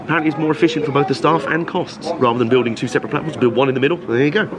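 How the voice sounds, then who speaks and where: A man's voice: on the high side, very fast, a crowd in the background. A man hosting a casual travel vlog, chatty and upbeat, talking outdoors at a railway station in the rain. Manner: chatty, upbeat, laughs often. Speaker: vlog host. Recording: noisy outdoor recording.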